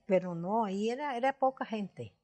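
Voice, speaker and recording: A woman in her nineties with a Guanacaste Costa Rican accent, recalling her working life in a documentary interview with plain, halting speech. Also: medium pitch, expressive, darkish tone. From Guanacaste, Costa Rica. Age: 90s. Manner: reminiscing, plain-spoken, halting with restarts.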